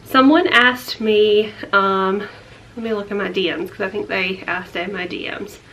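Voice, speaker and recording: A woman's voice: medium pitch, fairly even intonation, unhurried, fairly bright tone, a little hiss or hum. Chatty young woman, a bit breathless. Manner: rambling, filler-heavy, chatty. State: slightly out of breath. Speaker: vlogger. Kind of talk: casual life update vlog.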